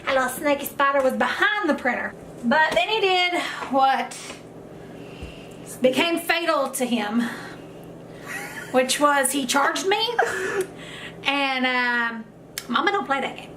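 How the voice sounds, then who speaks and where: A woman vlogger chatting casually at home, telling an animated, playful story. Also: sits high, slow, pauses often, noisy background. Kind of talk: casual chat. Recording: echoey room.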